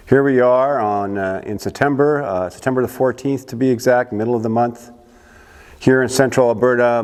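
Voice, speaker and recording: A man in his sixties with a Canadian accent, hosting a church talk show in a rambling, unhurried monologue. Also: mid-range voice, a little mellow, long reverb tail. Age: 60s. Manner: rambling, unhurried, frequent restarts and uhs. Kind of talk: casual monologue to camera.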